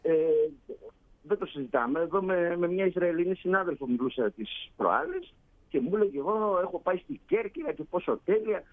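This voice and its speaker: A man's voice: sits high, sing-song, phone-quality sound. A man from Greece chatting casually, telling stories and acting out quoted dialogue. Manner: storytelling, acts out quoted dialogue. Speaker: guest, Greek living in Canada. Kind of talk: casual chat.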